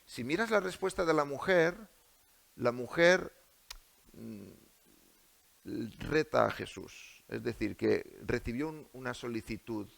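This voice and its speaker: Spanish man preaching, lively and gravelly. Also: mid-range voice. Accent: Spain. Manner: asks the congregation many rhetorical questions. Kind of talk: sermon. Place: church.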